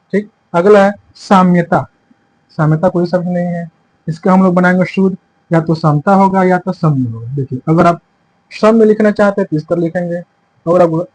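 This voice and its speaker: A man's voice: on the high side, darkish tone, husky, poor audio. A man teaching a lesson for exam preparation, explaining each point step by step and repeating the answers as quiz questions. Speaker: Hindi teacher.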